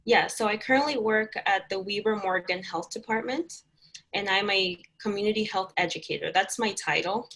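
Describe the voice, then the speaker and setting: A woman's voice: medium pitch, normal speed, fairly bright tone, low-quality recording. A young woman answering interview questions about her job in a chatty, friendly way with lots of "um"s. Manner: chatty, friendly, many fillers. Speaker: guest, community health educator.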